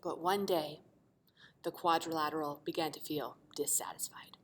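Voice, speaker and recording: A woman teacher reading a storybook expressively to children, pausing to explain simply and ask questions. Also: low-pitched, slight background noise. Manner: animated, asks the listeners questions.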